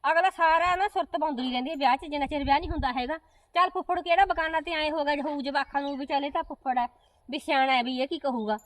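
Casting: woman as a calm elder aunt; a high voice, quick, placating but sharp. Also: no echo, natural voice. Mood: chiding. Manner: soothing, then chiding. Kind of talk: amateur comedy short film acting.

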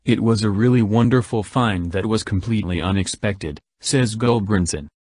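A man's voice: on the low side, moderate pace, a little mellow, slightly rough, no room sound, studio quality. A man reading a scripted science news report formally, in the manner of a nature documentary narration. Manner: reads formally from a written article.

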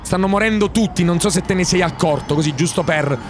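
A man with an Italian accent doing let's play commentary on a horror game, jokey and excitable, reading the game's dialogue aloud and shouting when he's scared. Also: sits high, a little fast, over music. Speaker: gaming YouTuber.

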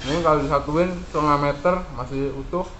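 A man's voice: fairly high pitch, fairly even intonation, quick pace, reverberant, music in the background, low-quality recording. A young Javanese Indonesian man hosting a casual eating video at his workplace, laughing with his mouth full of food. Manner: talks while chewing food. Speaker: host. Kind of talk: casual mukbang chat. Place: workplace during lunch break.

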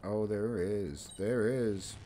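A man's voice: lowish voice, slow, very noisy. A man giving crude, joking, rambling play-by-play commentary on his own gameplay video. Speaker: gaming video host. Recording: game music loud behind voice. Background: game music and sound effects.

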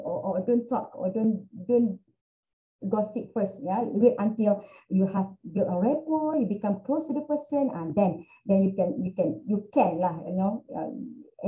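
A woman's voice: mid-range voice, mellow, highs cut off. A woman with a Malaysian English accent giving a chatty online webinar lecture, full of "you know" fillers, over a computer video call. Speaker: guest lecturer.

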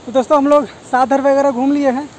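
Guy vlogging by a waterfall, chatty, noisy outdoor sound with rushing water. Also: extremely high pitch, little pitch movement, a little mellow. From India. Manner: chatty, showing viewers around. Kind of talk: travel vlog narration.

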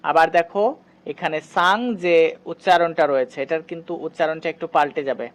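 Online grammar teacher, patient and methodical, slows for examples, keeps telling students to look. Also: medium pitch, fairly bright tone. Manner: patient, slows right down to say each English example. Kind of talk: explaining step by step to students.

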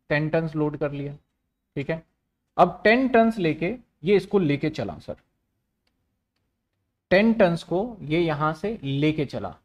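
A man teaches an online commerce class. He walks through a worked example step by step, repeating phrases and asking questions aloud before answering them himself. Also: a little high. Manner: repetitive, asks and answers his own questions.

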